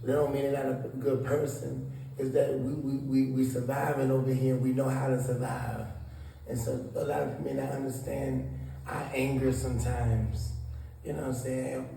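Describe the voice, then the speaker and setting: As an interview guest, a man from Southeast Washington, D.C. answers questions earnestly, often restarting as he searches for words. His mid-range voice is mellow with vocal fry, little pitch movement, and a moderate pace. He is recorded from a distance, a bit off-mic, in an echoey room with faint noise.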